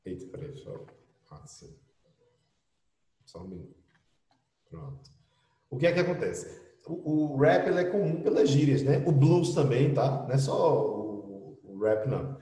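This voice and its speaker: A middle-aged man with a Brazilian Portuguese accent teaches an English class online, chatting and explaining with plenty of tag questions. His warm, medium-pitched voice is very animated and unhurried with frequent pauses, picked up by a computer mic from a distance with roomy echo.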